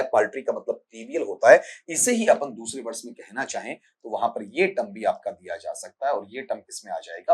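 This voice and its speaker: A man's voice: medium pitch, husky. A man with a Rajasthani accent teaching English grammar for an exam, explaining step by step and quizzing his students. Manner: explains step by step, asks students questions, calls them "beta". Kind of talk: exam-prep lecture.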